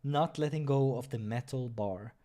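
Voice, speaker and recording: Over background music, a let's player reads through a visual novel in a mellow, mid-range voice at a moderate pace. His delivery is dramatic, broken up by offhand comments and the odd slip.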